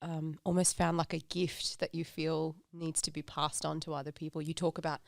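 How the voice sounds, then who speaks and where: A woman's voice: low voice, little pitch movement, moderate pace, vocal fry, no room sound, studio quality. A woman co-hosting a faith podcast, asking thoughtful questions and affirming the guest. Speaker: podcast co-host. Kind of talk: interview questions.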